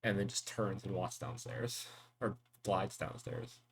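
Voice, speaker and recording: A woman's voice: very deep voice, steady tone, a little slow, husky. A woman playing a tabletop game, speaking casually and giggling as she plays her character. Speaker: player. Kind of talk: tabletop role-play.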